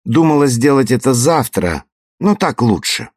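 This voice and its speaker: Man playing spiteful old woman, mocking, raised voice, husky, dry close sound. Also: mid-range voice, animated, measured pace, darkish tone, no room sound, voice pushed up. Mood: coldly satisfied. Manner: mocking, coldly triumphant.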